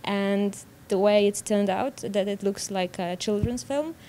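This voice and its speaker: Young woman, Polish accent, mellow voice, medium pitch, spontaneous interview answers, light background noise. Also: unhurried. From Poland. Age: young adult. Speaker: student animator being interviewed.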